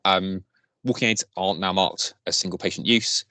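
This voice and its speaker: A man's voice: sits low, steady tone, normal speed, bright, forceful tone, no echo. A man giving an informal, explanatory work presentation on a video call, setting out practical steps in clipped phrases. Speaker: presenter, health service staff. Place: online meeting on a video call.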